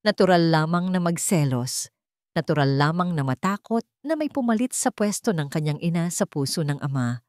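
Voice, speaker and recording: A woman narrates a scripted dramatic story in a lowish, slightly mellow voice. The sound is clean studio audio with no room sound.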